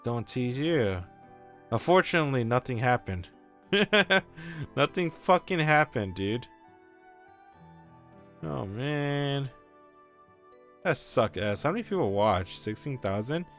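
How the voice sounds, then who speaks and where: Animated, tired male game streamer. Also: medium pitch, slow pace, long pauses, soft background music. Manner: animated, swears casually, reads narration aloud. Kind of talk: casual game stream chat and reading narration aloud.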